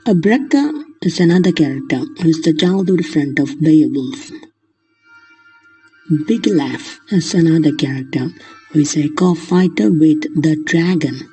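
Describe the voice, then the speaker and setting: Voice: medium pitch, expressive, measured pace, dark tone, breathy edge, soft background music. A lecturer explaining literature in the manner of a lesson, glossing terms in simple words along the way.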